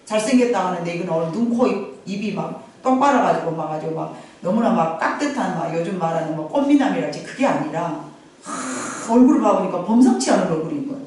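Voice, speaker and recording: A middle-aged woman pastor telling a Bible story in a lively, conversational sermon, repeating phrases and addressing the congregation directly. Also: fairly low pitch, fairly quick. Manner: animated, repetitive, conversational asides to the congregation. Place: church sanctuary. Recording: very echoey sanctuary, from far off.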